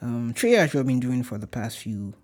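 A young Nigerian man with a light accent hosts a casual solo podcast, speaking at normal speed in a medium-pitched voice with big pitch swings. He's upbeat, chatty and rambling, and there's background noise.

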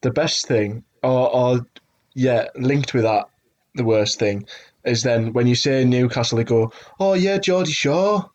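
A man's voice: mid-range voice, fairly even intonation, unhurried, a little mellow, lo-fi sound. A young man from Middlesbrough, chatting casually and telling stories, swearing freely. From Middlesbrough, England. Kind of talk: casual chat.

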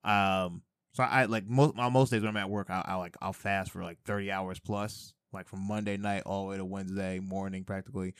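A man's voice: deep voice, steady tone, a little fast, fairly bright tone, clear, resonant tone, no room sound, studio quality. A man co-hosting a casual chat podcast, rambling and joking with frequent stammered restarts. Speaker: podcast co-host.

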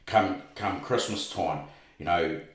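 An older man chatting casually on a podcast, halting and repeating words as he searches for phrases. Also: sits low, reverberant.

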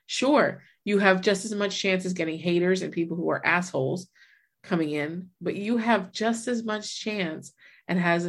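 A woman in her forties in casual, earnest conversation, reflecting aloud with many restarts. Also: fairly low pitch. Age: 40s. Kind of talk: casual chat.

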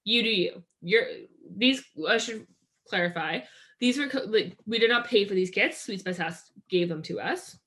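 A woman's voice: medium pitch, normal speed, fairly bright tone. A woman from Canada co-hosting a podcast, talking in an upbeat, chatty way with lots of "like". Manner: chatty, upbeat, heavy use of "like". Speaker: podcast co-host. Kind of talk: casual chat.

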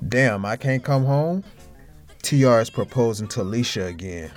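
A man, acting, plays a guarded, blunt character in a naturalistic screen drama. His mid-pitched voice is slangy and direct, with faint music behind it. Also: expressive, normal speed, lightly acted. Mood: friendly, relaxed. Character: guarded, blunt man, protective of family, formerly jailed.

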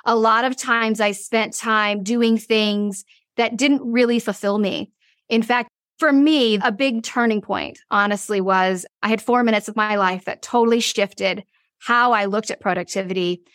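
A woman in her forties, a business owner guest, telling a personal story in an interview and acting out her own thoughts with animated shifts. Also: a little high, a little slow, dry recording, clean studio sound.

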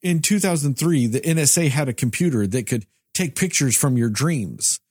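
A man's voice: mid-range voice, animated, moderate pace, a little mellow, slightly rough, dry recording, studio quality. A man co-hosting a movie review podcast who rants sarcastically and swears freely. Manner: sarcastic, ranting, profane. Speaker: podcast co-host. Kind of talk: casual movie review chat.

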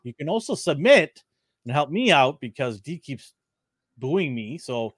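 Middle-aged male podcast host, playful and giggly, bouncy pitch, dry close sound. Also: unhurried, husky, no echo. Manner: jokey and animated, laughs often. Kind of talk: casual chat.

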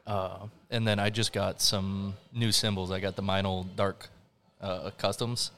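A man speaks in a lowish, very even voice as a band's drummer being interviewed. His talk is casual and slangy, with some swearing. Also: a little slow. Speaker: band drummer, podcast guest. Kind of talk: casual chat.

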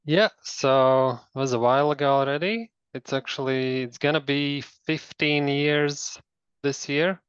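A man's voice: mid-range voice, unhurried, clean tone, no room sound, highs cut off. A man from Latvia telling a story in a casual interview, rambling with many fillers and restarts. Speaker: guest.

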